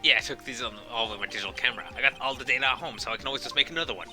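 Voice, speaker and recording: A man's voice: medium pitch, very fast, over music. A young man casually reading game dialogue with friends, often laughing and adding gags. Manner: laughs a lot, reads lines with gags. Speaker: player voicing the lead.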